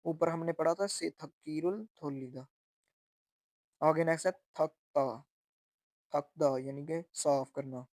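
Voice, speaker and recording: A man teaching textbook vocabulary, slowly repeating each word and its meaning. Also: fairly high pitch, a little mellow, no echo, clean studio sound. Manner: slow and repetitive, spelling out sounds and meanings. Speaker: language teacher.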